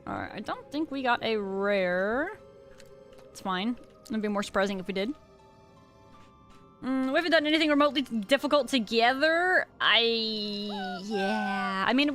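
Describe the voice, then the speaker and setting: A woman game streamer with a somewhat high, slightly bright voice chats casually with her viewers while gaming. Her talk rambles along in a slangy, informal stream.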